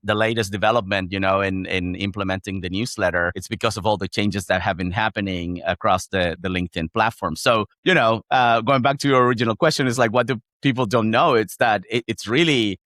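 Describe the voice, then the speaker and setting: A man with a Chilean Spanish accent and a fairly low voice, speaking English as his second language as a podcast guest. He thinks aloud, circling back with frequent restarts in a reflective, conversational way. The sound is dry and close. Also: a little fast, few pauses, a bit bright, no room sound. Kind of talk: conversational interview.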